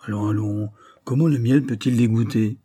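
A man's voice: lowish voice, fairly even intonation, normal speed, mellow, breathy edge, no room sound, clean studio sound. A man voicing a mocking, lecherous police chief in an audiobook. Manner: smug, mocking.

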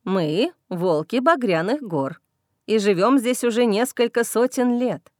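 A woman reading an audiobook voices a plump, gentle female werewolf who speaks softly and calmly. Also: on the high side, no room sound, studio quality. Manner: soft, measured.

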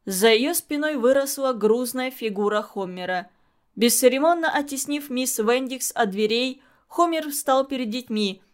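A woman narrating a novel aloud in an expressive, dramatic reading style. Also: fairly high pitch, measured pace.

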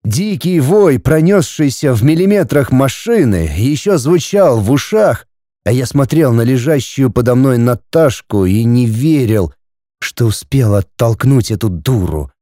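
A man narrating a first-person audiobook in a dramatic, expressive reading. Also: medium pitch, measured pace, no room sound, clean studio sound.

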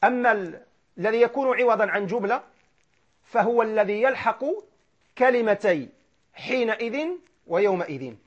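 Male grammar teacher, high voice, quizzes the class and answers himself; dull lo-fi lecture recording. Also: expressive. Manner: asks questions and answers them himself; repeats key words and chants Quran verses slowly.

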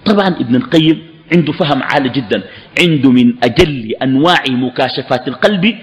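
A man with a Sudanese Arabic accent giving a religious lesson to a live audience, animated and often putting questions to his listeners. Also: mid-range voice, quick pace, long reverb tail, lo-fi sound. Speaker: religious teacher.

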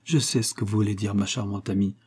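A man's voice: lowish voice, fairly even intonation, fast, darkish tone, breathy edge. A man reading an audiobook voicing an effusive, evasive aristocratic lord who chatters jovially and talks over others. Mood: breezy jovial.

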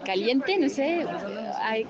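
Slow, hesitant Swiss woman, non-native. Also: high voice, very animated. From Switzerland. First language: not Spanish. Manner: hesitant, soft-spoken. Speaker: event participant. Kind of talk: vox-pop interview. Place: outdoor community gathering. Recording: lo-fi outdoor field recording with crowd.

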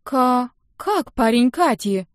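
Woman reading a coquettish young woman, raised pitch, bit louder, dry close recording. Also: animated, moderate pace, no echo, lightly acted. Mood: suspicious. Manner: coquettish, later sulky.

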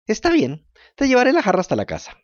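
A man voicing a cheeky, lazy wooden puppet boy in a high, childlike, pleading voice. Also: huge pitch swings, fast, no room sound, lo-fi sound. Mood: eager. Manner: high pleading childlike voice, stammers when moved.

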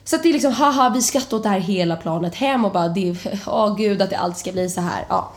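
A young woman telling a chaotic travel story in a casual chat, her voice jumping high as she acts out the panic. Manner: animated, jumps to high excited pitch when retelling panic. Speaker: podcast host.

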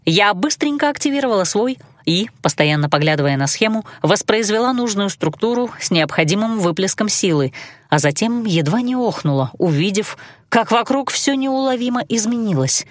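A woman narrating a fantasy audiobook in the first person, with expressive storytelling. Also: medium pitch, moderate pace, no room sound.

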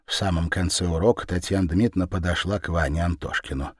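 Low-voiced man reading a children's tale. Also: fast, breathy edge, no echo, clean studio sound. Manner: expressive, sing-song reading for children. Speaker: narrator. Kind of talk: storybook narration.

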